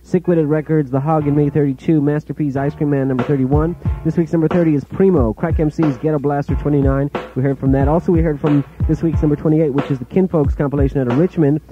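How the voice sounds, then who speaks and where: A man's voice: on the high side, steady tone. Man DJing over a muffled pirate radio broadcast. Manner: rattles off chart entries in quick clipped fragments. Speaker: radio DJ and host. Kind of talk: hip hop chart countdown on air. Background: music playing under the voice.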